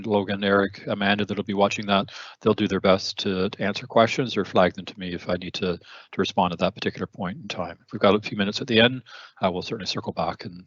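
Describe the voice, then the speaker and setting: Low-voiced man hosting a tech webinar. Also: dry recording, muffled recording. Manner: conversational, frequent fillers and repeated words. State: losing his voice, clearing throat. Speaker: webinar host. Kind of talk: technical webinar presentation.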